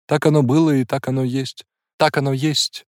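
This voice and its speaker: A man's voice: fairly low pitch, animated, normal speed, a little mellow, no room sound, studio quality, voice pushed up, lightly acted. A man reading an audiobook, voicing a proud, tormented woman in an emotional, intense manner. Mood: anguished.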